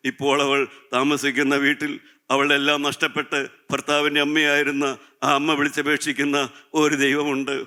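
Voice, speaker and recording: Bright, smooth-voiced fervent male preacher. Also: fairly high pitch, monotone, fairly quick. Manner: fervent, repeats phrases and asks the listeners questions; addresses listeners as children of God. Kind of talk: sermon.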